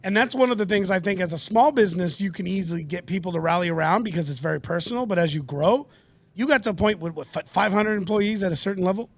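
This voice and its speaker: Enthusiastic high-voiced male host. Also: fast talker. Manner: enthusiastic, affirming. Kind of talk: podcast chat.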